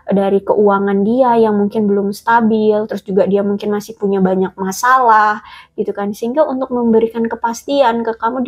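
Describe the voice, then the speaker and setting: Husky-voiced woman giving a chatty tarot reading. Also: a little high, darkish tone, dull audio. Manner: chatty, hesitant, many fillers and restarts. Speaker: tarot reader. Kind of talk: casual tarot reading monologue.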